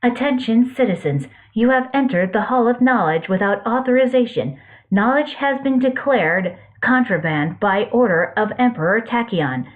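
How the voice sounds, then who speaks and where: Woman putting on a stern computer voice over a loudspeaker. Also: a little high, animated, normal speed. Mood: stern warning. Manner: formal, warning, official tone. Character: stern computer security voice, no sex given. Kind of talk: fan story reading. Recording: tinny phone-like lo-fi audio.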